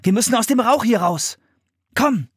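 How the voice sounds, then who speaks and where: A man's voice: very high-pitched, expressive, normal speed, husky, dry recording, clean studio sound, pitched above the performer's own voice, heavily acted. A man reading an audiobook and voicing a determined boy who presses the others on with raised, urgent calls.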